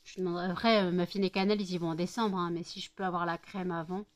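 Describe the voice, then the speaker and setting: A woman's voice: lowish voice, little pitch movement, very fast. A middle-aged woman from France chatting casually in a home vlog, rambling with many fillers and cooing baby talk to her dogs. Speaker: vlogger.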